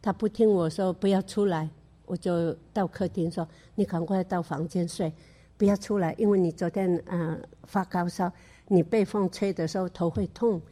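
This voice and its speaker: An older woman tells a personal faith testimony in an earnest, halting manner, often stopping to restart. Her voice sits fairly low and sounds mellow and dark. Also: fairly even intonation. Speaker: church member giving testimony.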